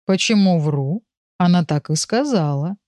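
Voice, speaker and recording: A woman voicing a calm, dry-witted male character with a sarcastic way of talking. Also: lowish voice, unhurried, no echo.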